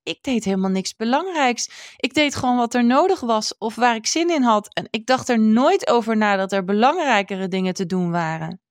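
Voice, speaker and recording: A woman's voice: a little high, lively intonation, normal speed, no room sound, studio quality, voice pushed up, natural voice. A woman voicing a frantic, self-important little woman in a storybook, speaking in an agitated, insistent way.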